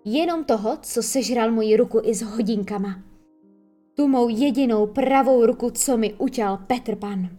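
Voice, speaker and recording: A woman's voice: fairly high pitch, dark tone, soft background music, lightly acted. A woman voicing a vain, menacing male pirate captain who boasts and gloats. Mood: gloating.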